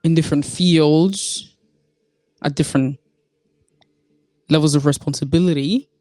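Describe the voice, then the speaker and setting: A woman hosting a solo talk podcast, speaking deliberately and repeating phrases for emphasis. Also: sits low, warm tone, no echo, faint music behind. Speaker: podcast host.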